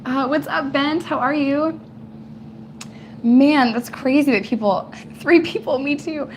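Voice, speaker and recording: A woman whose voice is hoarse and giving out, chatting casually and playfully with viewers as host of a live stream. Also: high voice, measured pace, a little hiss or hum. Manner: playful, teasing, slangy. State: voice giving out, hoarse from recent voice loss.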